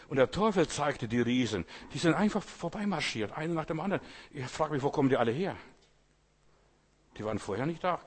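Husky-voiced man preaching, talking straight to the congregation, repeating his urging lines with rising force. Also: medium pitch. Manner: conversational, keeps asking the audience "weißt du"; repetitive exhortation, rising loud on key phrases. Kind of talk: sermon.

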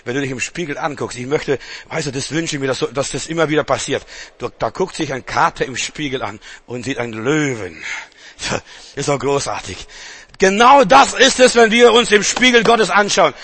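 A middle-aged male preacher delivering a sermon, emphatic and repetitive, swinging between loud proclamations and quiet, intense passages. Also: a little high, moderate pace, breathy edge.

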